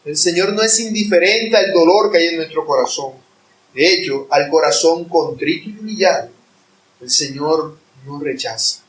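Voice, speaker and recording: Recorded at a distance in a reverberant church hall, this preacher has a slightly high voice and a moderate pace. His sermon is earnest, occasionally swelling into impassioned pleas.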